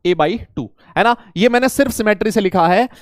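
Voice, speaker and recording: A man teaching chemistry to a class, animated, repeating key points and coaxing and scolding students. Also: high-pitched, fairly quick, no room sound, studio quality. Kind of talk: classroom lecture.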